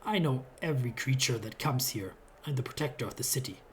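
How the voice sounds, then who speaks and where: Man voicing a giant iron lion automaton, grating rumble, lordly, threatening, story game. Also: animated, a little fast, lightly acted. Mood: menacing.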